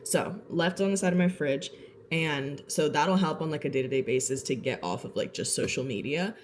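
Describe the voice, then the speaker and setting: A young woman talks to her viewers in a loose, sassy vlog chat, full of "like" and quick asides. She sounds a little out of breath. Faint background noise sits under her voice. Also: deep voice. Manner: chatty, sassy, lots of "like" fillers. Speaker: vlogger. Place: townhouse, indoors.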